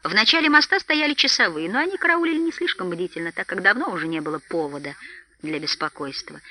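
A woman reading an audiobook aloud with expressive storytelling, recorded in a studio. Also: lowish voice. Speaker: audiobook narrator. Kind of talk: scripted narration.

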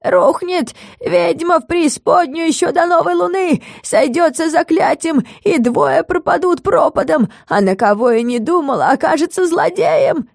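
A woman voicing an ancient male forest oracle who speaks slow, ominous prophecies. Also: sits high, creaky, darkish tone, dry recording, studio quality, voice pushed up. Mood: squeaky. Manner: slow, eerie prophetic delivery.

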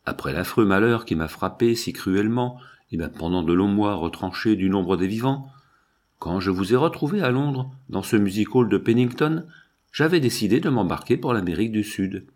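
A man reading a novel aloud, with measured, expressive first-person storytelling in a husky voice. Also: on the low side. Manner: measured, expressive storytelling, slow at chapter headings. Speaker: audiobook narrator. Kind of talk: scripted narration of a novel.

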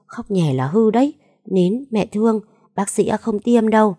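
A woman voicing a young mother gently scolding and soothing her crying child. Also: medium pitch, animated, normal speed, pitched above the performer's own voice, natural voice.

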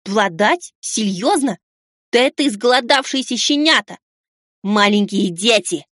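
A man's voice: lively intonation, unhurried, pushed and bright, no room sound, studio quality, heavily acted. A man voicing a defiant young boy with horns and grey hands, speaking in short blunt replies. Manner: high, blunt and curt. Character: horned grey-handed boy, stubborn and defiant. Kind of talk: storybook character voicing.

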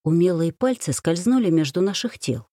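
A woman narrating a romance audiobook in first person, reading in a lively, emotive way. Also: fairly low pitch, normal speed, no room sound, clean studio sound. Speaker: audiobook reader.

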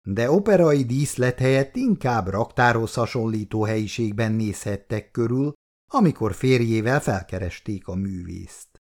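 Expressive male story reader. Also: mid-range voice. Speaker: narrator. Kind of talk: reading a novel aloud.

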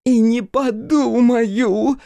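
Brash drunk young woman, shrill and mocking, swooping tune, male reader puts her on, storybook. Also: animated, measured pace, dark tone, dry recording. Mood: shrieking. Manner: shrill, mocking, slurred taunts.

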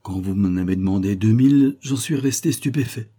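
A man voicing a smooth, flattering aristocratic customer who talks effusively and persuasively. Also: fairly low pitch, fairly quick.

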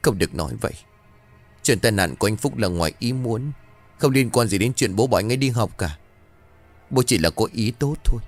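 A caring young daughter in a spoken story, voiced by a man in his own low register. She coaxes and pleads softly but firmly. Faint music plays behind. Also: lively intonation, fairly quick. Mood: coaxing. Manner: coaxing, pleading.

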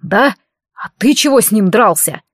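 A woman voicing a big, hot-headed male half-dragon who booms and grumbles in an audiobook. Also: moderate pace, slightly rough, dry recording, studio quality. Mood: baffled. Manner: booming, exasperated.

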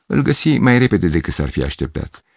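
Deep husky man reading a story, steady and measured, dry close sound. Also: no room sound. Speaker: narrator. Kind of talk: literary audiobook reading.

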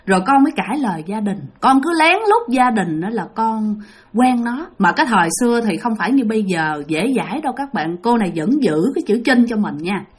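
A woman's voice: fairly high pitch, brisk, husky. A woman telling a ghost story, speaking directly to her listeners. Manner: animated, addresses listeners directly.

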